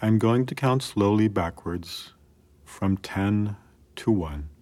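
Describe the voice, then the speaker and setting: A man calmly narrating a scripted guided relaxation in a soothing, measured way with long pauses. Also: lowish voice.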